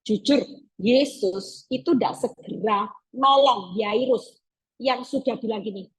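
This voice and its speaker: A woman's voice: on the high side, measured pace, husky, low-quality recording. A woman evangelist preaching a sermon over a video call, emphatic and acting out pleading prayers.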